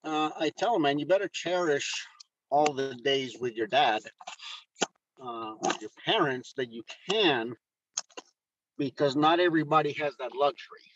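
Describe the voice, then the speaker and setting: Over a phone line, an earnest Mexican man in his sixties, a retired first sergeant, speaks as an interview guest in a candid, conversational exchange. His voice sits fairly high and sounds animated and slightly bright, though he halts often, restarting and using fillers. The audio is lo-fi with a little background noise.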